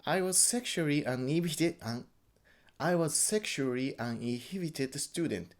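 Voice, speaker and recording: A Japanese man being interviewed tells a personal story in halting, Japanese-accented English, frequently repeating and correcting himself. His voice sits on the high side, with lively intonation.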